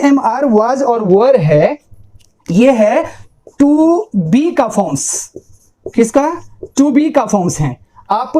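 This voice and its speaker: Slow, mellow-voiced woman grammar teacher. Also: a little high. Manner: repeats points and checks in with "ठीक है?"; recites word lists slowly like a poem. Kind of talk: classroom lesson in Hindi mixed with English.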